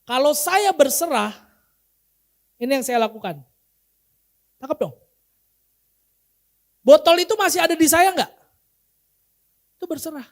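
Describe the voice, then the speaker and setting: A man's voice: very high voice, lively intonation, measured pace, long pauses. A male pastor giving a sermon in a casual, humorous way, often quizzing the congregation. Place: church.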